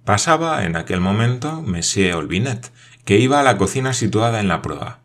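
A man reading a novel aloud as narrator in a measured, even way. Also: lowish voice. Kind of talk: scripted audiobook narration.

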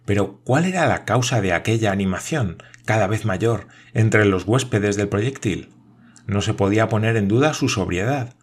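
A man narrating an audiobook in a measured storytelling manner. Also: on the low side, expressive, husky.

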